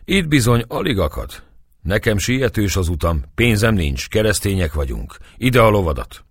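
A man voicing a pious, kindly male priest in a storybook, speaking warmly and fatherly. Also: on the low side, sing-song, slightly rough, no echo, studio quality, pitched above the performer's own voice, full character voice. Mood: calm. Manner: warm, fatherly address.

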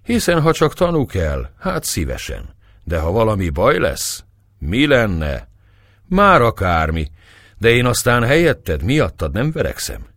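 A man's voice: lowish voice, huge pitch swings, a bit bright, no echo, clean studio sound, voice pushed up, heavily acted. A man reading the part of a cautious, worried older male companion who warns anxiously. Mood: reluctant. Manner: warning, anxious.

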